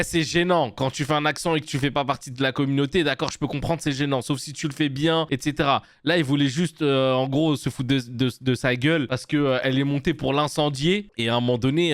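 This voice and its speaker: A man from Paris hosting a casual reaction stream, animated and laughing often as he talks to viewers. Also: mid-range voice, no room sound, clean studio sound. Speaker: streamer host.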